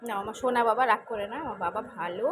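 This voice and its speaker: A woman's voice: medium pitch, very fast, noisy background. A woman talking through a casual home vlog, coaxing and fussing over a sulking child in a cooing, doting way. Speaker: vlogger.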